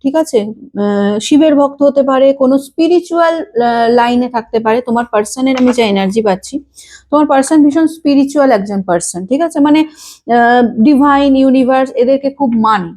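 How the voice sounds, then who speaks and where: A woman with a sore throat giving a tarot reading, halting and often clearing her throat between phrases. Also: high voice, animated, a little mellow. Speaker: tarot reader.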